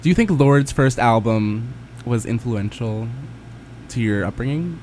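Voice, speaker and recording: A young man who speaks very slowly and drily as he quizzes a friend in a casual college chat. His teasing questions come out unhurried. A light hiss runs behind him. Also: medium pitch, expressive, darkish tone. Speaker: co-host asking questions.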